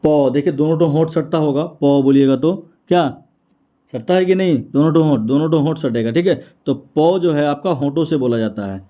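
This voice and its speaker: Guy going over hindi exam questions, repeats everything, kinda high voice, sounds like a phone line. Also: normal speed. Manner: repetitive, asks and answers own questions. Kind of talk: exam prep lesson.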